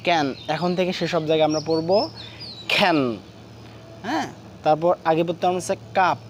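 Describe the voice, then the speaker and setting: A man teaching English pronunciation, drilling example words over and over in a steady repeated rhythm. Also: fairly high pitch, slight background noise. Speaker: English teacher and course founder. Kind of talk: spoken English pronunciation lesson.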